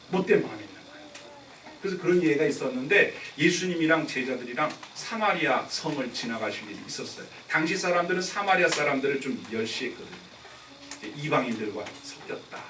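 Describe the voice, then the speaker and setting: Animated male pastor preaching in a roomy church. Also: fairly high pitch, fairly quick, a little hiss or hum. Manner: conversational storytelling preaching, acting out quoted speech. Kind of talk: live Sunday sermon. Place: church sanctuary. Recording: roomy live church recording from a distant mic.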